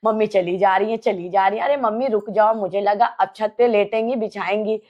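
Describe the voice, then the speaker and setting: A young woman telling a ghost story in a casual, animated way, acting out scenes as she goes. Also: mid-range voice, moderate pace, muffled recording. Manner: animated, acts out scenes and quotes.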